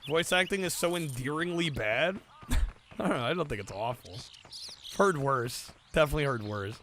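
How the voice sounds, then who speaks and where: A man's voice: on the high side, expressive, normal speed, fairly bright tone, a little hiss or hum. A man giving casual gaming commentary as a livestreamer.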